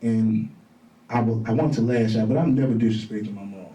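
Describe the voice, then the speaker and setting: A middle-aged man, a podcast guest telling stories casually and acting out quoted voices loudly. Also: fairly low pitch, brisk. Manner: animated, acts out quotes in raised voice. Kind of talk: casual storytelling. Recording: roomy, distant mic.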